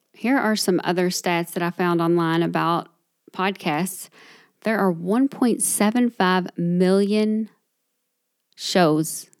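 Woman podcast host, chatty and upbeat, unhurried delivery, dry close sound. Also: on the low side, darkish tone, smooth, no room sound. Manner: chatty, upbeat, self-deprecating. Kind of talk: solo podcast monologue.

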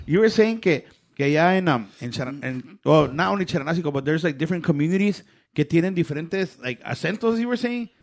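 Casual bilingual man from Guerrero with a gravelly, slightly high voice. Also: animated, brisk. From Guerrero, Mexico. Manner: mixes Spanish and English, laughs often.

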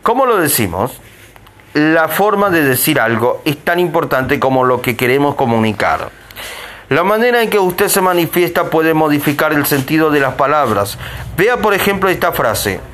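Man reading aloud, lively pitch. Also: normal speed, a little hiss or hum. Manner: stumbles over words and says sorry. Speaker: reader of a self-help text. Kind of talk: reading a self-help text aloud.

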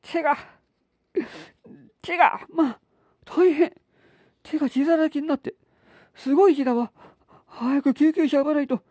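A man doing a weary scolding housewife, high. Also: sing-song, normal speed, long pauses, warm tone, dry recording, clean studio sound. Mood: panicked. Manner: scolding then frantic. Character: weary, put-upon wife and mother.

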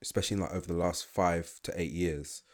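This young man from London has a deep, steady voice and talks fairly quickly. His casual podcast chat is thoughtful yet rambling, packed with asides and sentences he starts again.

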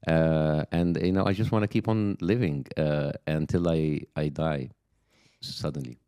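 A man in his late forties with a low, deep voice, a lisp. He talks in a lively, casual way as a podcast guest, laughs easily and stumbles over repeated words as he restarts his sentences. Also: unhurried, clear, resonant tone. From Egypt. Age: 40s. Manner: animated, laughs often, stammering restarts. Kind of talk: casual interview chat.

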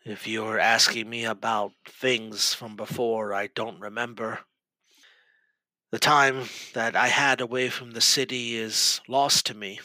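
A man voicing a weak, traumatized young male librarian who speaks slowly and faintly. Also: medium pitch, little pitch movement, pushed and bright, dry recording, poor audio. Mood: hollow. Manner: slow, faint, haunted.

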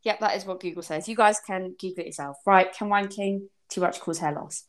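A woman hosts a casual podcast. She is informal and frank, happy to swear, and speaks at an average female pitch. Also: a little fast. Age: 20s. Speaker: podcast host. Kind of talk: casual chat.

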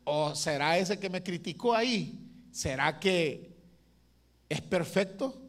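A man preaches, his voice sitting high. He puts questions to the congregation, rising to loud appeals and dropping to near-whispered asides. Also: animated, takes it slowly. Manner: preaching with rhetorical questions, swings from loud to hushed. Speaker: pastor. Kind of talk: sermon.

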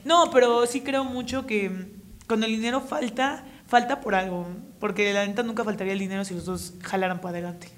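A young woman with a Mexican accent co-hosting a podcast, talking in a lively, slangy way and laughing often. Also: medium pitch, fairly quick. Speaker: podcast co-host. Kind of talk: casual chat.

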